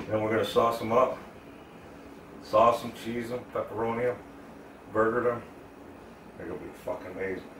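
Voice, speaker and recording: A man's voice: fairly low pitch, flat delivery, moderate pace, pauses often, a little hiss or hum. Guy cussing thru a long rambly story while cooking, echoey kitchen, kinda far from the mic. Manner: profane, rambling, loud storyteller. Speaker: cooking vlogger.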